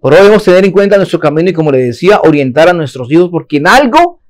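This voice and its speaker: A man's voice: a little high, very animated, racing. A man teaching a Torah lesson, asking his listeners questions and answering them himself.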